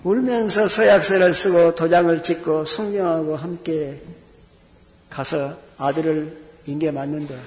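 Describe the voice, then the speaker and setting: High-pitched guy preaching, acting out the story lines, big echoey church sound. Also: a little slow. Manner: animated storyteller acting out dialogue. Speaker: pastor. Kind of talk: sermon storytelling. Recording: long hall reverb.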